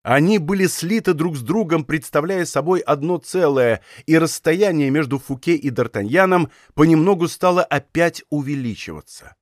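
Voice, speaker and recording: A man narrating an adventure novel from a studio in a measured, dramatic storytelling manner, recorded on a close microphone. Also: fairly high pitch, lively intonation, dry recording. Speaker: audiobook narrator. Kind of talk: scripted narration.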